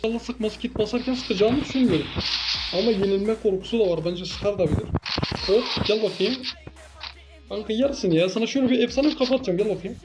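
Excitable man trash-talking over gameplay. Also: sits high, fast talker, over music, low-quality recording. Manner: excitable, teasing trash talk to the opponent. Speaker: gaming YouTuber. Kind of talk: live gameplay commentary.

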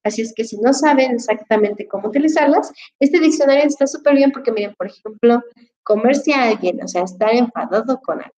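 A woman's voice: on the high side, a little fast, darkish tone, poor audio. A woman, an English teacher explaining a dictionary app to her students in an online class, patient and full of fillers, speaking into a headset. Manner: explanatory, addresses students formally, many fillers.

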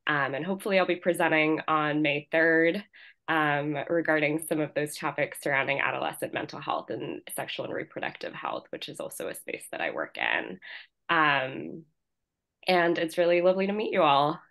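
A woman's voice: sits low, big pitch swings, normal speed, creaky, fairly bright tone. A young woman in her twenties, a public health student, introducing herself on a video call in a friendly way. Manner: friendly, light laughter between phrases.

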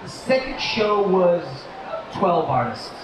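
A toy company co-founder gives a casual live presentation at a big indoor shopping mall expo, his voice high and his pace slow. He rambles in a relaxed way, full of fillers and restarts. A distant mic picks him up in the echoey hall, with crowd noise around him.

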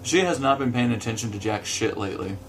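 A laid-back man in an easygoing food review chat, teasing his partner while chewing as he talks. His voice sits at an ordinary middle pitch, and a clear hiss runs under the noisy home recording. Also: fast, distant mic. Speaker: co-host of a couple's food review channel. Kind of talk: casual chat.

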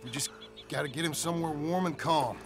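An actor playing a gruff former outlaw turned rancher father, terse and steady. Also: a little high, fairly quick, close to an everyday voice. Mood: reassuring. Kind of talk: video game voice acting. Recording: game soundtrack music underneath.

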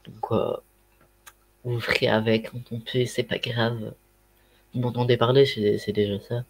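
A man with a Ch'ti (northern French) accent rambles casually on a livestream through a headset microphone, full of fillers and slang. His voice is mid-range with little pitch movement, and he talks a little slowly.

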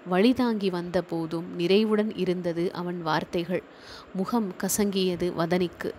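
Brief: female audiobook narrator, steady expressive storytelling read, faint background noise. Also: on the low side, measured pace. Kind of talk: scripted narration.

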